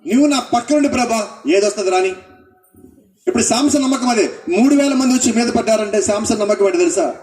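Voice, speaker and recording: A man's voice: very high voice, quick pace, darkish tone, reverberant, recorded from a distance. A male pastor preaching a sermon, asking the congregation questions and acting out what people say.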